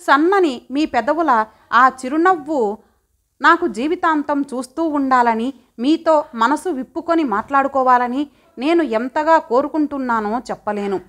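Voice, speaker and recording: A woman voicing a young village woman in love, speaking softly and pleadingly in a storybook reading. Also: high voice, measured pace.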